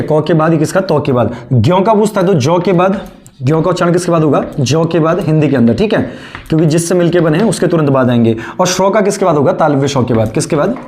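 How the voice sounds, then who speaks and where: Teacher, online grammar lesson, dictates notes, repeats sentences slowly, answers its own questions. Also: medium pitch, a little mellow, slight background noise. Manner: asks the class questions and answers them itself. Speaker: Hindi teacher.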